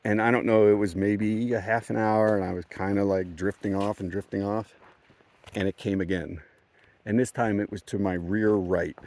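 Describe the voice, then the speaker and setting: Here the vlogger speaks with a lowish, slightly mellow voice, delivering flatly at a moderate pace. He's a thru-hiker outdoors on a mountain trail, casually rambling through a story for his vlog with chuckles and plenty of restarts as he corrects himself.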